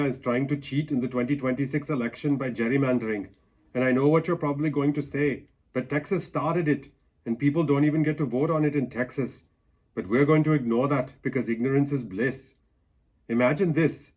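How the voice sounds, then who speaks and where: Guy doing a husky parody ex-governor on fake news, mid pitch, earnest but illogical. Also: a little mellow, natural voice. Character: reluctant, illogical male former governor guest, parody. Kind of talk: scripted parody news interview.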